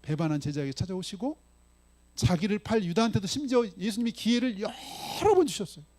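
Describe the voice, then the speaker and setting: His voice sits high with a darkish tone, delivered expressively and a little fast. A male pastor preaches casually and conversationally, frequently checking in with the congregation and voicing Jesus's lines himself in dialogue.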